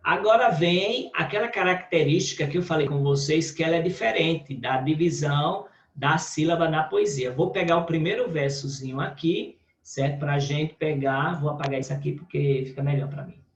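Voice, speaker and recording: A man's voice: fairly high pitch, normal speed, few pauses. A male teacher with a Brazilian Portuguese accent, patiently explaining a recorded lesson with many check-ins to the class. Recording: echoey room, dull lo-fi audio.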